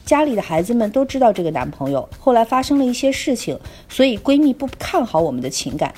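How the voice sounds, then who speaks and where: A woman's voice: a little high, sing-song, fast talker, dark tone, husky. Woman reading a listener letter. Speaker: podcast co-host.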